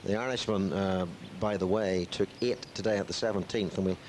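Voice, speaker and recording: Man commentating golf on tv, lowish voice, dry and measured, clear background noise behind him. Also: fairly even intonation, a little mellow. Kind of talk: live television golf commentary.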